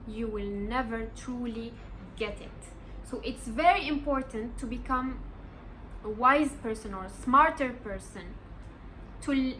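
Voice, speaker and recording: A Moroccan vlogger in her twenties shares life lessons in a casual motivational vlog, speaking slowly and deliberately in a bright voice that sits a little high. She is earnest and encouraging and repeats points for emphasis. The low-quality recording carries a faint room ambience and a little hiss or hum.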